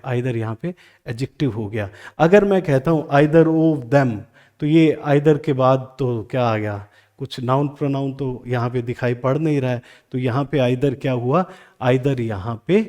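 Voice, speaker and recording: A man teaching English grammar in Hindi, asking questions and answering them himself, reading example sentences slowly with an Indian English accent. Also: medium pitch, darkish tone. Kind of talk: classroom grammar lesson.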